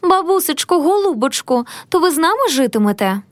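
A woman's voice: high voice, big pitch swings, brisk, no room sound, voice pushed up. A woman voicing a young, spoiled noble lady in a storybook reading, plaintive and lamenting. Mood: eager.

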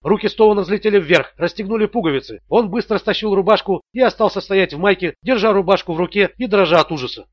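A man narrating an audiobook thriller in a steady, tense manner. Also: high voice, quick pace, few pauses, no echo, muffled recording.

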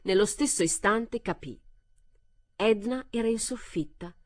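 A woman reading a short story aloud as narrator, in a measured and expressive way. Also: mid-range voice, dry recording, clean studio sound. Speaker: reader.

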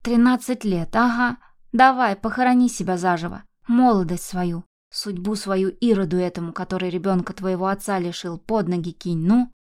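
A woman's voice: medium pitch, normal speed, a little mellow, natural voice. A woman voicing an anxious old grandmother who scolds and laments over her granddaughter. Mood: distraught. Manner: agitated, lamenting, exclamatory.

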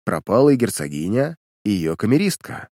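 A man doing a calm, curt detective. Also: lowish voice, fairly quick, no echo, studio quality. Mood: dry. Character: calm, dry-spoken adult male detective.

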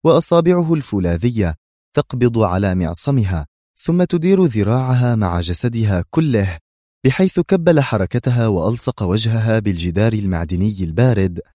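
Guy reading a thriller aloud, mellow voice, dry close sound. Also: on the low side, no echo. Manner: lively, dramatic storytelling. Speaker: narrator. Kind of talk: dramatic audiobook narration.

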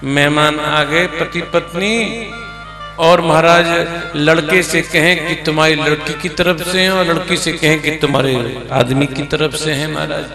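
A man's voice: fairly high pitch, level tone, moderate pace. A man giving a devotional story sermon, telling the tale with acted dialogue and sing-song lines, and calling on his listeners to chant along. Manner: calls to audience for chants of Radhe Radhe. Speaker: kathavachak preacher. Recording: echoey hall with music behind.

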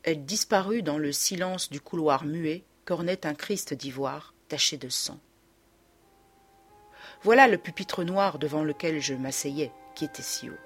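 A woman's voice: low-pitched, measured pace, husky, faint music behind. A woman reading a classic novel aloud as an audiobook, narrating expressively in the first person. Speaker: audiobook reader.

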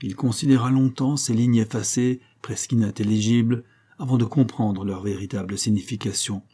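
A man narrating a classic novel as an audiobook, in a measured, dramatic reading. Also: mid-range voice, steady tone, warm tone, breathy edge.

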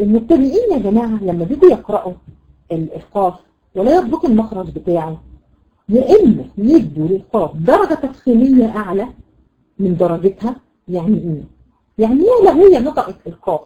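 A woman with an Egyptian accent teaching a Quran recitation lesson, explaining patiently, repeating words and checking understanding with quick questions. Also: mid-range voice, warm tone, poor audio. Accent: Egyptian Arabic. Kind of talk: classroom lesson.

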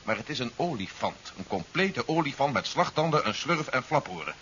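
A man's voice: medium pitch, very animated, moderate pace, a bit bright. A man playing a resolute, coolly calculating general in a 1970s science fiction radio play, articulate and matter-of-fact. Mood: firm, persuasive. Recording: dull 1970s radio recording with hiss.

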